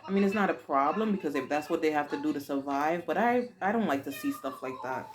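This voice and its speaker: A woman in her forties with a Haitian accent, answering her daughter's questions in casual, expressive chat full of dramatic exclamations. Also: low-pitched, quick pace, background noise. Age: 40s.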